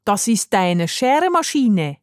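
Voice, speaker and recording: Storybook grandpa, voiced by a woman: old, kindly, knowing, low and unhurried, dry close recording. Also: very animated, clean tone, no room sound. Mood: gentle. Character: wise, warm old grandfather.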